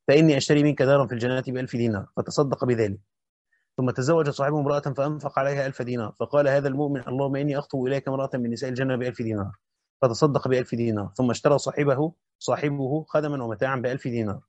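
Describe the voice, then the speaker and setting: Fast-reading Egyptian man teaching. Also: mid-range voice, a little mellow, no room sound. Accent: Egyptian Arabic. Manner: brisk reading with colloquial asides. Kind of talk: reading and explaining a classical text. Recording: dull lo-fi dry recording.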